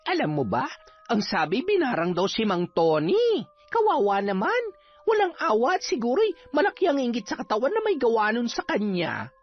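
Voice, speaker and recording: A woman playing a nosy, cheeky village gossip who speaks in a hushed, knowing tone, in a horror radio drama. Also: fairly high pitch, big pitch swings, normal speed. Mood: gossipy. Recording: slightly dull recording with music underneath.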